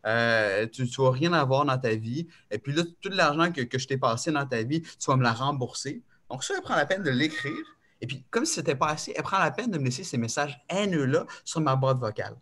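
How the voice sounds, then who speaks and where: Québécois man telling a story, halting. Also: on the high side, expressive, fairly bright tone. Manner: agitated, halting storytelling with many restarts. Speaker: caller. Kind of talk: call-in confession.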